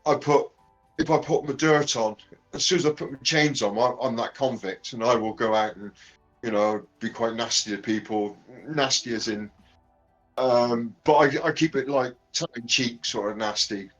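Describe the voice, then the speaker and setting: A man chatting casually as a podcast guest, halting often with ums and restarts. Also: medium pitch, highs cut off, soft background music. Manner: hesitant, many ums and restarts. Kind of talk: casual chat.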